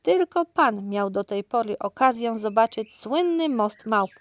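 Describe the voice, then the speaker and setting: Woman doing a little female monkey, high, excited, eager, storybook. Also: unhurried, no echo. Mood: proud. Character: small lively female monkey, cheering.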